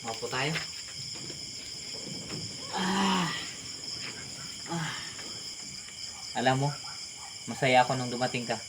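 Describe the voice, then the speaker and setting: A man's voice: medium pitch, expressive, slow, pauses often, background noise. A man playing a lonely, friendly cousin who chats casually and teases. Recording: outdoors at night with crickets and insects.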